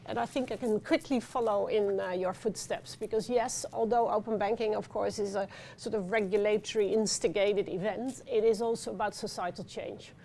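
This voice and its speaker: A middle-aged Dutch woman with a Dutch accent speaking on a conference panel, animated, with many fillers and restarts. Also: mid-range voice, moderate pace, gravelly, few pauses, slight background noise. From Netherlands. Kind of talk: panel discussion talk. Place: conference venue.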